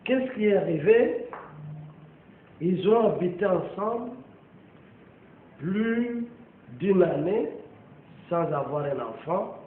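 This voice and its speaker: A man preaching a sermon, slow and emphatic, with long pauses and repeated amens. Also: on the high side, slight background noise. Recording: echoey, tinny lo-fi phone-like recording.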